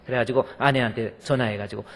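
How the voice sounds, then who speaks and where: A man's voice: mid-range voice, fairly even intonation, fast, creaky. A male pastor preaching a sermon in a church, folksy and joking with the congregation. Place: church sanctuary. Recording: long hall reverb.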